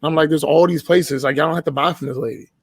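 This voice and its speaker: A man in his thirties talking fast and bluntly, swearing freely as he tells his stories. His voice sits a little higher than most men's. The sound is dry and close, with almost no room. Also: steady tone, no echo. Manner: blunt and profane, laughs while telling stories. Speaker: podcast guest. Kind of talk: casual storytelling.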